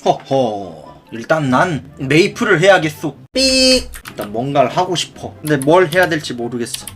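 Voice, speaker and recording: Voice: medium pitch, animated, brisk, faint music behind. A YouTuber chatting casually to friends off mic, teasing and mock sobbing in a playful, melodramatic way.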